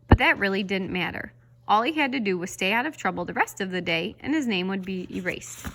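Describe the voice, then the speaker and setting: A woman's voice: mid-range voice, fairly bright tone. Woman reading a children's story aloud. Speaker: reader.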